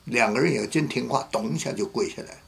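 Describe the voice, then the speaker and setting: A man's voice: medium pitch, fast, gravelly, a bit bright, husky. A man, a pastor, preaching a sermon and telling a story vividly, acting out the voices of the people he quotes.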